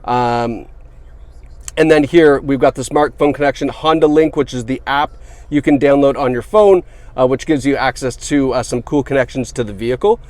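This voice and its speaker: A car salesman with a mid-range, darkish voice talks at a moderate pace, recorded with no room sound. Sitting inside a car, he gives an upbeat, chatty walkaround of the vehicle for sale, full of fillers, while battling the hiccups.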